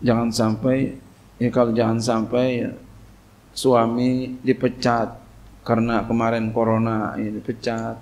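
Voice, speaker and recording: Speaking in a completely flat, mid-range, slightly mellow voice, a male cleric teaches tafsir during a kitab study sermon. He reads Arabic slowly and then explains in casual Indonesian, frequently using "ya."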